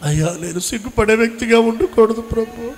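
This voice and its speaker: A man's voice: extremely high pitch, quick pace, soft background music. A man preaching as a pastor, leading an emotional prayer with pleading, repeated lines that swell and fall. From Andhra Pradesh, India. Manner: pleading, repetitive, rising and falling in intensity.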